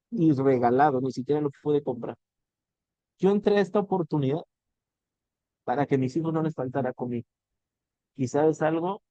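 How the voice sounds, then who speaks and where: A man's voice: fairly high pitch, mellow, dry recording, dull audio. A man with a Mexican accent giving an earnest motivational talk, addressing the listener directly and swearing casually. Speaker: motivational business speaker.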